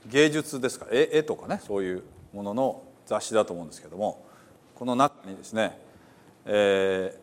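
A man's voice: fairly low pitch, moderate pace. A man, a pastor, talking casually to his congregation in a chatty, amused way. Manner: chatty, amused, reads quotes with a laugh.

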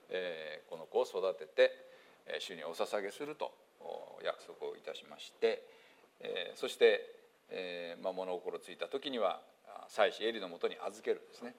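A man from Hiroshima with a Hiroshima accent, a pastor giving a chatty sermon full of fillers. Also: vocal fry. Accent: Hiroshima Japanese. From Hiroshima, Japan. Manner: chatty, many fillers, lively pitch swings. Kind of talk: casual sermon talk with quiz review.

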